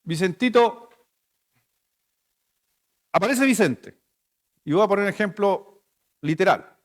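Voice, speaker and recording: Chilean pastor preaching, high voice. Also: male voice, animated, takes it slowly, long reverb tail. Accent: Chilean Spanish. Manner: conversational, playful storytelling with the congregation. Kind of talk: sermon. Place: church hall.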